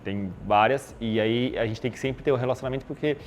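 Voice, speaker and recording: On a podcast, a Brazilian Portuguese-accented guest casually explains his marketing job at a fairly quick pace, using many fillers. His mid-range voice comes with a faint hiss or hum in the recording.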